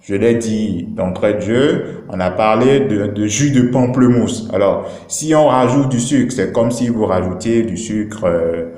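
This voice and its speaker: A man's voice: fairly low pitch, measured pace, few pauses, darkish tone. A man explaining a drink's nutrition label in a casual video talk, hesitant and full of fillers, often checking in with his viewers. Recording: echoey room.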